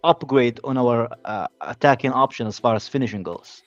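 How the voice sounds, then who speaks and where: A man's voice: mid-range voice, animated, normal speed, dry recording, soft background music. A man calling in to chat about football, heard over a clipped phone line, often restarting his sentences and checking agreement with "yeah?" and "right?". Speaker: call-in guest.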